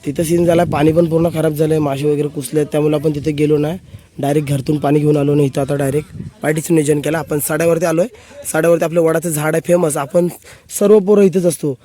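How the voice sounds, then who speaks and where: A young man from Konkan, Maharashtra, with a Konkani Marathi accent, hosts a casual vlog outdoors under a banyan tree on a rural plateau. He's chatty and bossy, giving his friends instructions, and talks fast in a fairly high, level, dark-toned voice.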